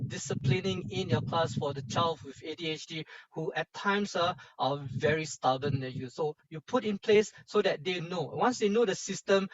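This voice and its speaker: A Singaporean man teaches an informal workshop in a fairly high voice. His phrasing is halting and sprinkled with colloquial Singlish particles. The audio is a little dull and lo-fi, like an online call. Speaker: workshop lecturer.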